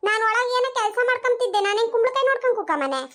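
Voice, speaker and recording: A performer doing a squeaky sassy young daughter-in-law. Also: animated, very fast, sharp tone, exaggerated voice. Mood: dismissive. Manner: cheeky and dismissive. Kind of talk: cartoon voice acting.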